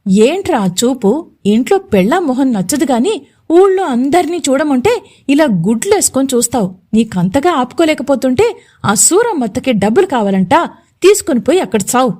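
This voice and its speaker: A woman voicing a scornful young village woman who scolds and insults a leering man, slow and contemptuous. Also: high-pitched, big pitch swings, dark tone. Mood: scolding.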